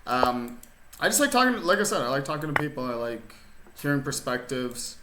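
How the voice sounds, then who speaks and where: A man with a mid-range voice talks animatedly and briskly to viewers as he streams chess from his rural desert home. He's relaxed and rambling, packed with fillers and restarts, and the recording has background noise and a roomy echo.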